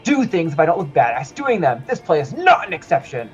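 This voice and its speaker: A man on a gaming stream reads the game's text aloud with a lively, swooping delivery, cursing and laughing as he plays. The sound is muffled and lo-fi, with faint music behind him. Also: a little high, a little fast. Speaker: gamer. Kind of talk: casual game stream chat.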